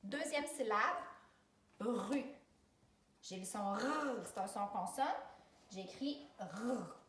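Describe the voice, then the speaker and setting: A woman's voice: mid-range voice, lively intonation, a little slow, a bit bright, far from the mic, a little hiss or hum. Patient Québécois woman teaching children. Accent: Québécois French. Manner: patient, step-by-step, speaks directly to the child. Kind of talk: spelling lesson for children. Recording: roomy sound from away from the mic.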